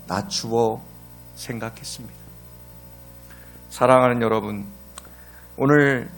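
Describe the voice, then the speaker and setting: Animated high-pitched male pastor preaching. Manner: dramatic preaching, rising and falling, questions to the congregation. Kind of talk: sermon.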